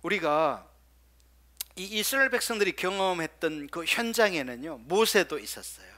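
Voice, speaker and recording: Guy pastor preaching, high voice, keeps asking the congregation questions then goes real quiet. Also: sing-song, moderate pace. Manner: drops suddenly to soft, quiet asides. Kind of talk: sermon.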